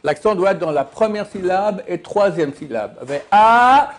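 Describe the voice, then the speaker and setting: A man's voice: sits high, moderate pace, a little mellow. A man teaching a religious lesson as a rabbi, explaining with emphatic repetition and frequent restarts. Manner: emphatic, repeats Hebrew words to stress the syllable; stumbles and restarts often.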